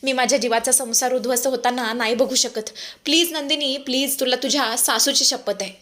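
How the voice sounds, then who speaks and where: A woman voicing a forceful mother-in-law who commands and pleads. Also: high voice, fairly even intonation, a little fast. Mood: commanding. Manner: commanding plea.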